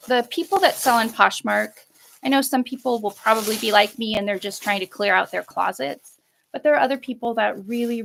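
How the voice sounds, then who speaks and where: Middle aged lady doing an unboxing chat, lots of vocal fry, mid pitch, rambles and circles back. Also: fairly bright tone, slight background noise, low-quality recording. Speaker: vlogger showing a shopping haul.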